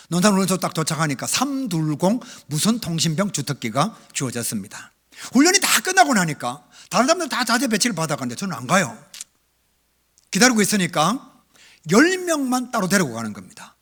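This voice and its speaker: A middle-aged male pastor preaching a revival sermon, telling his own story with big swings between loud and hushed. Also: high-pitched, slightly rough. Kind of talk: revival sermon with personal testimony. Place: church sanctuary.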